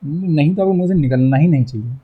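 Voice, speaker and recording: A man's voice: on the high side, fast, husky, phone-quality sound. A young man teaching a math lesson online, chatty, repeating himself and teasing his students.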